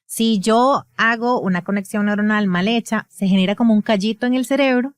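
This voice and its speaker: A woman's voice: fairly high pitch, a little fast, smooth, no echo. Costa Rican woman, speech therapist, explains patiently, frequent question tags, dry close sound. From Costa Rica. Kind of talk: casual podcast conversation.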